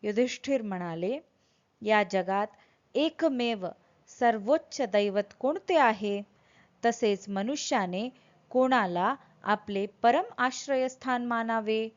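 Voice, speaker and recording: A woman teaching devotional verses in a deliberate recitation style, over-enunciating and separating each word clearly. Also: a little high, muffled recording. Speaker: teacher of Sanskrit hymn recitation. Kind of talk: slow scripture recitation with explanation.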